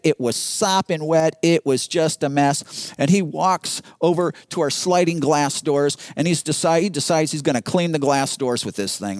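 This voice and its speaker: Brief: male pastor, high voice, emphatic repetitive preaching, dry close sound. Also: darkish tone, no room sound. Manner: emphatic, repeats phrases, storytelling. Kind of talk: sermon.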